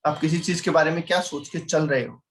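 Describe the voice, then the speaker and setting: A man's voice: a little high, steady tone, fairly quick. A male teacher giving a chatty lecture, teasing his students and constantly quizzing them. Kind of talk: classroom lecture.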